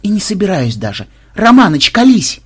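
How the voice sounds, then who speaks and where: A man's voice: high-pitched, big pitch swings, normal speed, husky, voice pushed up, exaggerated voice. A man voicing a gloomy, curt, sarcastic male vampire in a fantasy audiobook. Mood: sullen. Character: sullen cold male vampire programmer.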